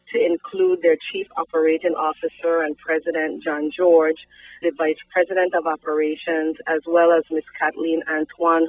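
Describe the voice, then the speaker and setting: A woman's voice: low voice, no room sound. Official woman over a tinny phone line. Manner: precise, formal, deliberate. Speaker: environmental commissioner. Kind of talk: official statement.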